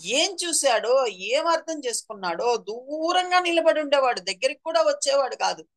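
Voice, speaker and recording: A woman's voice: high voice, lively intonation, moderate pace. Fervent woman giving a devotional talk. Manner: rhetorical questions and repeated lists; quotes sayings in an acted voice. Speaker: spiritual speaker. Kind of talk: devotional discourse.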